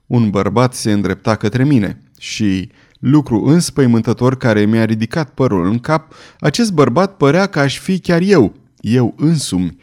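A man's voice: mid-range voice, a little mellow, lightly acted. Anxious old court astrologer confiding a secret, as a man reads him; audiobook character, tense and pleading. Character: fearful aging male court astrologer.

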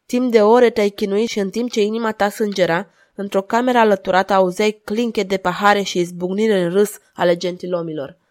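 A woman reading aloud and voicing a cold, relentless duchess who speaks in an insistent, measured way. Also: mid-range voice, fairly even intonation, darkish tone, natural voice.

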